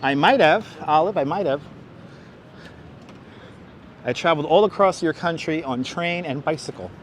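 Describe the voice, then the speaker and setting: This livestream host walks through busy Manhattan, speaking at normal speed in a fairly high voice with a thick Brooklyn accent. He chats easily with viewers and comments on the streets around him. City traffic is clearly audible outdoors, along with vehicles and general ambience.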